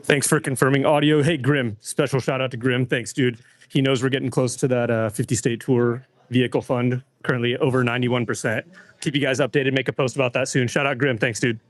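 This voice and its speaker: Relaxed man hosting a live stream. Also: medium pitch, a little fast. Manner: relaxed, thanks viewers by name. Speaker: stream host. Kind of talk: casual live-stream chat.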